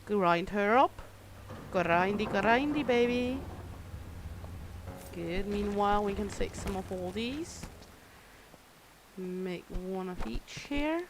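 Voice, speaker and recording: A woman's voice: medium pitch, takes it slowly, noisy background. A woman playing a cooking game, talking to herself as she works and swearing at impatient customers in a playful way. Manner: playful, talks to herself while working. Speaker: gamer playing a cooking simulation. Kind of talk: casual gameplay commentary.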